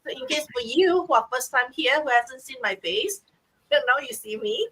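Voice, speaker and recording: Woman, Singaporean English accent, high voice, bright tone, bubbly live-stream host, video call. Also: expressive, normal speed, poor audio. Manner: upbeat, bubbly hosting with frequent checks like okay and right. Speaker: livestream host. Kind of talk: live-streamed group chat.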